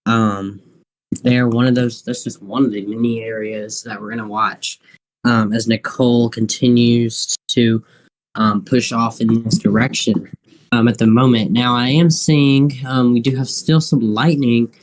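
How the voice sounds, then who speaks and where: A man hosting an unscripted live weather stream, thinking aloud in a halting, repetitive way. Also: mid-range voice, little pitch movement, poor audio.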